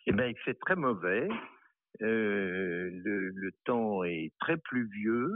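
Man on the phone, tinny phone-line sound, slow and halting, lowish voice, live interview guest. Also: slight background noise. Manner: halting, repeats words. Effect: heard over the phone. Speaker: mystery guest on the phone, head of an association.

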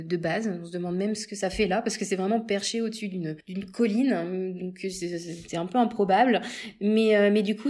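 Woman guest rambling happily about her travels, lots of ums and repeats. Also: mid-range voice. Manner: chatty and animated, many hesitations and repeated words. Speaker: interview guest recounting a road trip. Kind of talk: casual conversational interview.

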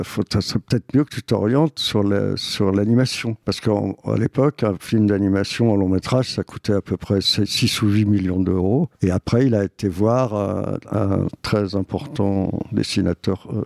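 An older man from France tells a story in a relaxed way during an interview. His voice is low and gravelly, and the sound is dry and close. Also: dry recording. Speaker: scriptwriter. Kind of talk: casual interview.

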